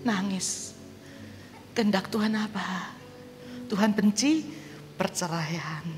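Speaking slowly at a medium pitch, a woman evangelist delivers a testimony sermon, telling her story vividly with acted-out dialogue. It takes place in a large church hall, recorded with reverb and background music.

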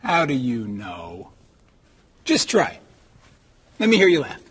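A man's voice: mid-range voice, huge pitch swings, slow pace, a bit bright, husky, heavily acted. An actor playing Doctor Cheer, a cheerful man who is always laughing and cheering people up, in a sitcom. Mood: cheery. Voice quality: upbeat, playful. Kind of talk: sitcom acting.

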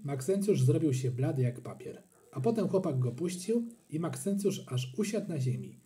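Expressive man reading a storybook. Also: on the high side, moderate pace. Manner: expressive, animated. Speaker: narrator.

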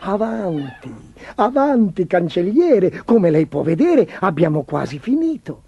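A man's voice: high voice, sing-song, unhurried, mellow, breathy edge, no echo, highs cut off, exaggerated voice. A man voicing a sly swindler tailor in a children's storybook, talking in an assured, ingratiating way. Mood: flattering. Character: smooth-talking, sly swindler tailor flattering his clients. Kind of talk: theatrical children's storybook acting.

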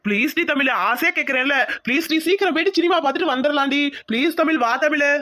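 A woman's voice: high voice, quick pace, a bit bright. Woman voicing lovesick village man Pandi. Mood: pleading. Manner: coaxing and pleading, affectionate. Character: lovesick young village man, devoted and pleading. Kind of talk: cartoon voice acting.

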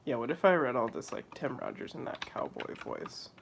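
A man's voice: mid-range voice, huge pitch swings, normal speed, gravelly, noisy background. A young man casually commenting on a video game and reading its text aloud in a wry, offhand way. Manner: wry, offhand, drops into mock voices and whispers. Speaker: let's play commentator.

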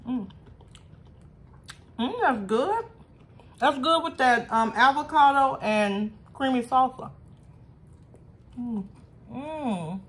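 A woman's voice: sits high, slow pace, pauses often. A woman on a casual eating vlog, talking while chewing and murmuring as she eats. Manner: relaxed murmurs of enjoyment. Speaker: mukbang vlogger.

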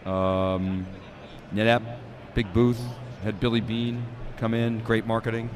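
A middle-aged man with a lowish voice offers live commentary from a booth at a busy conference. He talks in long analytical runs, stacking points with ums and uhs, and the chatter of a crowd hums behind him. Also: level tone, slow pace. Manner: analytical, rambling with fillers. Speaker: tech show co-host. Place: conference hall studio booth. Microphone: handheld stand mic.

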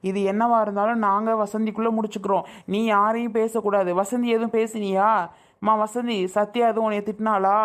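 A woman's voice: medium pitch, little pitch movement, brisk, natural voice. A woman playing a stern middle-aged father in a family skit, bossy and scolding toward his daughter.

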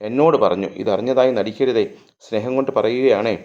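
A man voicing a blind young male ascetic who murmurs secretive warnings in a confiding hush. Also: fairly low pitch, normal speed, highs cut off, lightly acted.

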